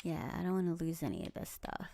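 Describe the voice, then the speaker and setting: A woman in her forties streams games from Los Angeles, United States, chatting casually and rambling as she plays, with fillers, soft laughs and whispered asides. Her first language is Tagalog; her voice is lowish, she talks fast, and there's no room sound.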